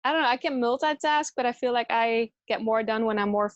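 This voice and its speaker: Woman from the Netherlands, yoga teacher guest, relaxed, laughs a lot, dry close sound. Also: a little high, fairly quick, no echo, muffled recording. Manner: relaxed, chatty, laughs often. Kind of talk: casual interview chat.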